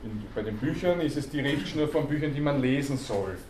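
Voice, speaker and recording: A man's voice: medium pitch, animated, a little fast, a little mellow. Male university lecturer, patient and questioning, recorded from the audience in an echoey hall. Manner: explains patiently, quizzes the class, many hesitation sounds. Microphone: student recording from the audience. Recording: echoey hall, faint background noise.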